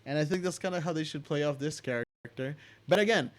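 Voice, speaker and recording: Brisk and a little high-voiced, this young man from the United States hosts a loose, profane rant of opinions. He rambles, keeps restarting, and drops in filler asides along the way.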